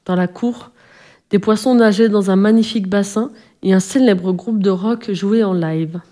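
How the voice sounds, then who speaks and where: Woman reading a kids' story aloud, mellow warm voice, calm and even. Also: medium pitch, normal speed. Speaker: narrator. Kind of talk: scripted storybook narration.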